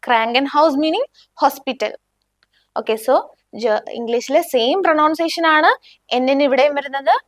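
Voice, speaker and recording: Slow high-voiced woman teaching German. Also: dry recording, clean studio sound. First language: Malayalam. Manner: slow, clear, repeats each word for the learner. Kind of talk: beginner language lesson.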